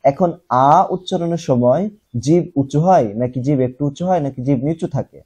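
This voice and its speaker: A young male teacher with a very dark, mellow voice and a husky edge. He works through the lesson step by step, asks his students questions and answers them himself. He repeats single sounds slowly to show how they are said. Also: on the high side. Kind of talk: classroom lesson.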